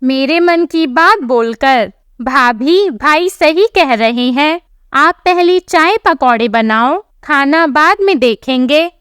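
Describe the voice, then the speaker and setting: Woman doing bubbly young nanad, teasing, high voice, dry. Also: expressive, slow, a bit bright, no echo, exaggerated voice. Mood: cheerful. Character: young sister-in-law, cheerful and teasing.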